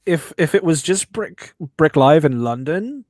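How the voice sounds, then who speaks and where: Relaxed young man, light high-ish voice, dry close sound, rambling and giggly. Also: measured pace, no room sound. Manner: laid-back, rambling, laughs often. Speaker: guest YouTuber. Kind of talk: casual stream chat.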